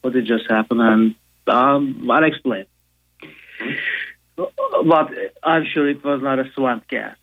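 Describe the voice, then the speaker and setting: A Turkish man in his thirties, an economics professor appearing as a guest on a radio talk show, speaks with a Turkish accent in a casual interview. His medium-pitched voice is sing-song and slow, with long pauses and many fillers, and he sounds hesitant. The audio has phone-quality sound.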